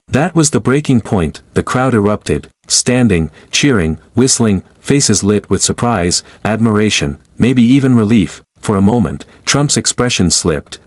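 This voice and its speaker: A man narrates a dramatic scripted story at a steady storyteller's pace. His voice sits fairly low, and the recording is dry and close with no room echo. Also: measured pace, few pauses.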